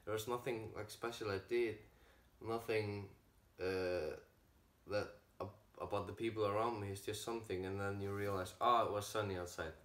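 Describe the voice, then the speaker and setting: Teen male interviewee from Iceland, low voice, rambling casual answers, roomy echo. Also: fairly even intonation, moderate pace, fairly bright tone. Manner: rambling, with many likes.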